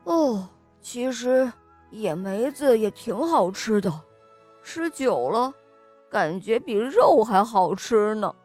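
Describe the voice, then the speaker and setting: A woman's voice: fairly high pitch, very animated, slow pace, darkish tone, faint music behind, voice pushed down. A woman voicing a greedy, easily flustered male fox in a children's storybook, stammering and grumbling. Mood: resigned. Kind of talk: storybook reading.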